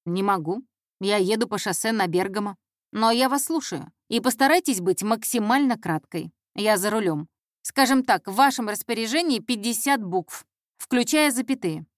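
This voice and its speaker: A woman's voice: mid-range voice, lively intonation, moderate pace, no room sound, close to an everyday voice. Brief: impatient no-nonsense cop, short clipped replies, voiced by a woman reader. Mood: curt. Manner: dry, clipped, dismissive. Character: curt, impatient male police investigator. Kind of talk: audiobook character voice.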